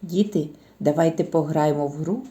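A woman narrating a grammar lesson for small children, speaking in a slow, clearly syllabled, sing-song way with rhymes. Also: low-pitched, dark tone.

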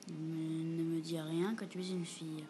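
Soft-muttering young woman, slow and mellow. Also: low-pitched, level tone, slight background noise. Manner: often drops to a quiet, half-whispered mutter; reads the bot's replies aloud and answers them. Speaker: YouTuber chatting with a chatbot. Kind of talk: casual gaming commentary. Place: room at home with a door.

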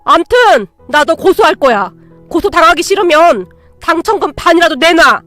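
A hotheaded, greedy young ex-boyfriend, as a woman narrator puts him on blusters and yells in a high, strained voice. The recording is dry and close, with faint music underneath. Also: expressive, moderate pace, dry recording. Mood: furious. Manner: shouting, drunk and demanding.

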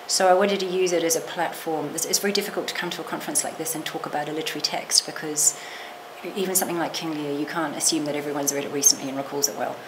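Her voice is low and steady, and she talks fast: a middle-aged woman who is a literature professor, reflecting in an interview. Restarts and asides qualify much of what she says. The noisy recording was made with her seated in a small lecture room.

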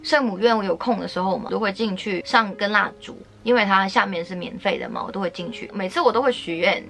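A young woman vlogger from Guangdong, China, talks quickly to the camera in an opinionated, earnest way. Her voice is bright and forceful, and her points build with indignant emphasis. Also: mid-range voice, creaky. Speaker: vlogger host.

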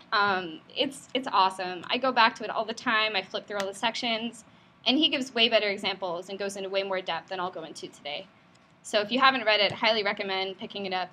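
At an office meetup, a woman delivers a casual tech talk in a bright, forceful, medium-pitched voice. Her manner is warm and upbeat, full of filler words, and she keeps asking the room questions.

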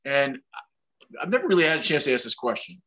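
Over a webcam, a man in his sixties hosts a casual interview, his questions long, winding and conversational. He talks quickly in a medium-pitched, sing-song voice that sounds pushed and bright, through dull lo-fi audio.

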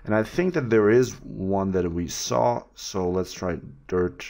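A man teaching a 3D texturing tutorial over a screen recording, talking in a relaxed way with many fillers and restarts. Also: on the low side, unhurried, gravelly. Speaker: 3D art tutor.

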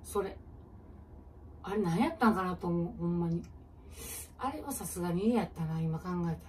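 A woman comedian with a Kansai accent, musing aloud in relaxed casual chat while she preps food, answering viewer comments. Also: lowish voice, normal speed. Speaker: comedian and channel host. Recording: distant mic with faint kitchen noise.

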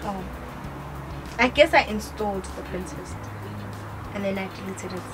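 On a couch in the living room, a teen girl makes casual, rambling conversation with her father, giggling and using lots of fillers. Her mid-range voice moves at normal speed over background music, and the audio quality is poor.

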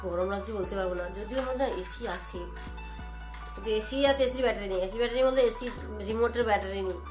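A young adult woman vlogging casually from home, talking in a quick, rambling, chatty way as she shows what she bought. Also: medium pitch, music in the background. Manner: rapid, chatty, rambling talk. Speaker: lifestyle vlogger. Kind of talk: casual home vlog chat. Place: indoors at home, fan running.

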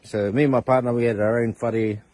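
A man's voice: mid-range voice, steady tone, brisk, a little mellow. A man in his forties with a Māori New Zealand accent, talking casually to his phone in hesitant short phrases. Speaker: father showing his family's living setup. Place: outdoors in rural land. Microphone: phone at arm's length. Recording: noisy handheld phone recording outdoors.

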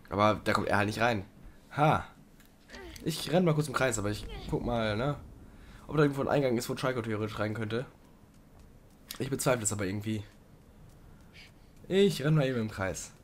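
A young man doing casual let's play commentary, chatting to the game creature and sometimes swearing loudly. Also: on the low side, moderate pace, long pauses, slight background noise.

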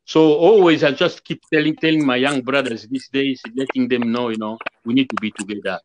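A man's voice: mid-range voice, brisk, background noise. A man guest speaking earnestly over a video call, repeating points and acting out quoted greetings. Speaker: guest musician. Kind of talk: casual interview talk over video call. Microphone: video call webcam.

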